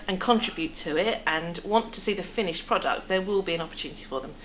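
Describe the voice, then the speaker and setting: The audio is poor, though background room noise comes through clearly, as a middle-aged English theatre producer gives a casual interview in an indoor theatre foyer café seating area. She explains things chattily in a lowish voice at a quick pace.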